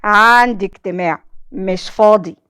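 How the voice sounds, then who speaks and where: A woman's voice: mid-range voice, normal speed, a bit bright, clear, resonant tone, no room sound, clean studio sound, natural voice. A woman voicing a curt, impatient young man with an Egyptian accent in a story, speaking in clipped, irritated phrases. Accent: Egyptian Arabic.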